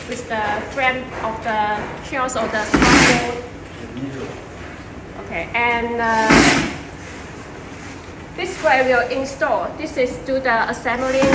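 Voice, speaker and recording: A young woman, a sales manager, walking a viewer through a factory workshop, talking with frequent fillers and restarts. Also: high-pitched. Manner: hesitant, many fillers and restarts. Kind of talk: walking factory tour presentation. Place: large indoor factory workshop. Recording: echoey workshop, distant mic, loud background hum.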